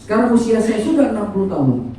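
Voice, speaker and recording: A man's voice: high voice, sing-song, quick pace, mellow, slight background noise. A man voicing a weary, grudging aging architect within a sermon story. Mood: pleading. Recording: echoey church hall from far off.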